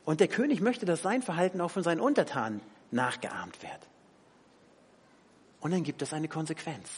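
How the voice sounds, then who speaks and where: A man delivers a sermon with a lively, wide-ranging pitch, rising to loud emphasis and dropping to quiet asides. His voice sits high and a little husky. It rings out in a hall with long reverb. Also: moderate pace. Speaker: preacher.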